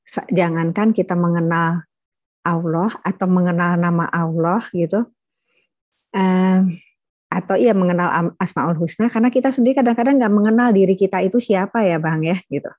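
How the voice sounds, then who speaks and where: Woman co-host, mellow lowish voice, chatty and affirming. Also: moderate pace, no echo. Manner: chatty, frequent affirming interjections. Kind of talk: conversational study discussion.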